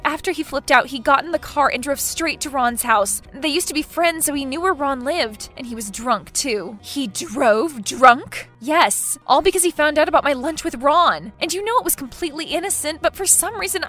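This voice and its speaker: A woman's voice: high voice, animated, a little fast, hardly any pauses, fairly bright tone, faint music behind. A woman narrating a text-message story in an earnest, pleading manner. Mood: urgent. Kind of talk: scripted narration.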